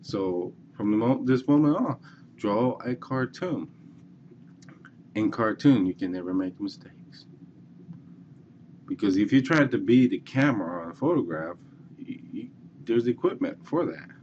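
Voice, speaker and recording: A man presenting an online course in a casual screencast voice-over, halting and repeating himself, often saying okay. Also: lowish voice, darkish tone, highs cut off, a little hiss or hum. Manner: halting, repeats and restarts, says okay a lot.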